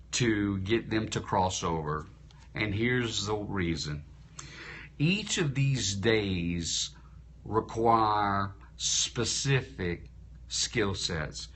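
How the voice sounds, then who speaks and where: Low-leaning and a bit bright, this man's voice comes through a phone with a little hiss or hum. Tired after a long day, the Louisiana-born insurance entrepreneur and speaker is coaching viewers live, leaning on rhetorical questions.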